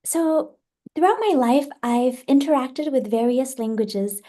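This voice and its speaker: A woman's voice: high voice, lively intonation, a little slow, warm tone. A middle-aged woman from the Washington D.C. area, a literacy specialist answering interview questions in a gracious, articulate way. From United States, Washington D.C. area.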